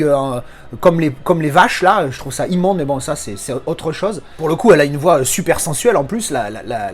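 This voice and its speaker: A man speaking French as his first language gives a casual spoken film review, ranting and swearing with frequent restarts. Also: fairly high pitch.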